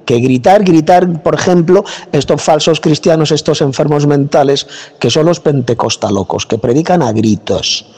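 Spanish guy preaching hard into his phone, kinda high voice, scolds a lot. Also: moderate pace, slightly rough, long reverb tail. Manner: forceful, scolding, speaks with authority. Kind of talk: combative preaching monologue. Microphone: phone mic.

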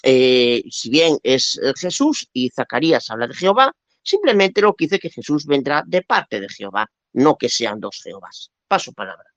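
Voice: mid-range voice, sing-song, moderate pace, no echo. A debater making a hesitant, filler-heavy point in a religious debate. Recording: dull lo-fi dry recording.

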